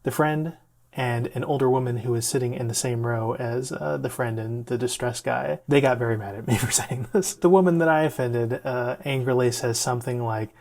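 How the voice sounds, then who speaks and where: A man's voice: mid-range voice, normal speed, vocal fry, darkish tone. A man telling a personal story in a conversational, self-deprecating way, with the odd laugh. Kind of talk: storytelling vlog.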